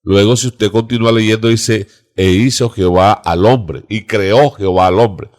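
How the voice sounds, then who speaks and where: Pastor type, male, fairly low voice, devout and reflective. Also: moderate pace. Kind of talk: Bible study discussion.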